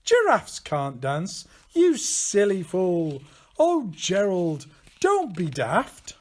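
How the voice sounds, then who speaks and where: A man's voice: high-pitched, huge pitch swings, drawn-out words, full character voice. A man voicing mocking storybook lions, roaring and taunting like bullies.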